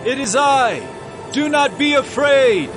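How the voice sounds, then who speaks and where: An actor playing Jesus as a solemn, compassionate teacher, speaking earnestly in a dramatized audio Bible. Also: male voice, extremely high pitch, slow, music in the background. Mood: reassuring.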